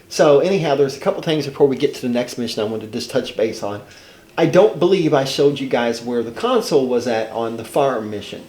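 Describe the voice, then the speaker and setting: Stuffed up with a head cold, this older man hosts a channel and gives rambling, folksy commentary over a casual gameplay walkthrough, correcting himself as he goes. His voice is medium in pitch with a darkish tone, and the room has an echo.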